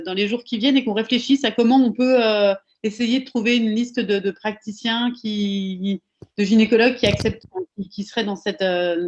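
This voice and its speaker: Woman host on slightly dull audio. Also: mid-range voice. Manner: hesitant, repeats and rephrases as she goes. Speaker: discussion host. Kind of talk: moderating a live online discussion.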